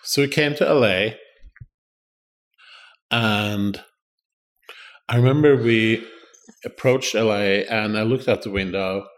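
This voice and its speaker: A man's voice: fairly low pitch, slow pace, pauses often. Chatty man telling travel stories. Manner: animated storyteller, acts out voices in quotes. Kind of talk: casual storytelling chat.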